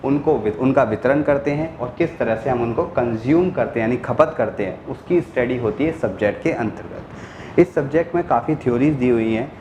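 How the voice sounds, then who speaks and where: A man's voice: medium pitch, normal speed, mellow, echoey room, a little hiss or hum, rough recording. A male teacher giving a lecture, explaining step by step, repeating key words and answering his own questions. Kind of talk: classroom lecture.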